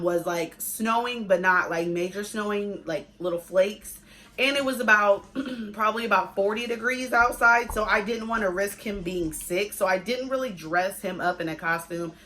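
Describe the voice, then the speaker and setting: Young female mom vlogger, mid-pitched, casual and conversational update to viewers, restating points for emphasis. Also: fairly bright tone. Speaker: family vlogger, pregnant mother.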